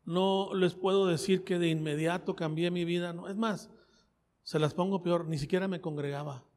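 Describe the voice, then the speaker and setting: A man's voice: high-pitched, steady tone, normal speed, darkish tone. A man with a Mexican accent preaching a sermon with his own testimony, talking conversationally, repeating phrases and asking his listeners questions. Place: church. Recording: reverberant church hall.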